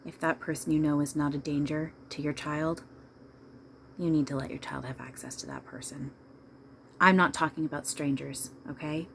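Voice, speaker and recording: A woman's voice: sits low, animated, moderate pace, creaky, slight background noise. A woman speaking as a trance medium channeling a spirit, giving informal, emphatic, repetitive counsel straight to listeners. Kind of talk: seance medium channeling, informal advice monologue.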